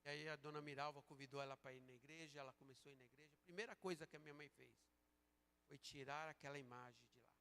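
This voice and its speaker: A man preaching a sermon as a pastor, moving between slow emphatic calls and quieter storytelling. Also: mid-range voice, fairly even intonation. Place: church sanctuary. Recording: church sanctuary with long reverb.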